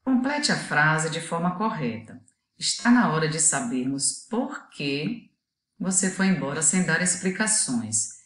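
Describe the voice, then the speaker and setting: A woman's voice: deep voice, big pitch swings, unhurried, reverberant. A woman teacher with a Brazilian Portuguese accent gives a video lesson, explaining patiently and asking the students to think.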